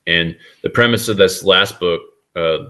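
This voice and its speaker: A man's voice: deep voice, unhurried, sharp tone. A middle-aged man, a guest author, talking earnestly in a casual podcast interview with frequent restarts.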